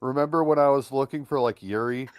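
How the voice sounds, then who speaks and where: Animated, crude-talking man on a dry mic. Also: mid-range voice, fairly quick, clear, resonant tone, dry recording. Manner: animated, swears a lot, does mocking voices. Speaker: podcast co-host. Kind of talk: casual chat.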